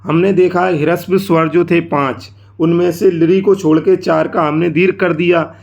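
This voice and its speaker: Gravelly-voiced man teaching a language lesson. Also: a little high, fairly even intonation, darkish tone, muffled recording. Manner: slow, explanatory, often drawing out sounds to demonstrate. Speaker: Sanskrit teacher. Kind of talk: explaining a lesson.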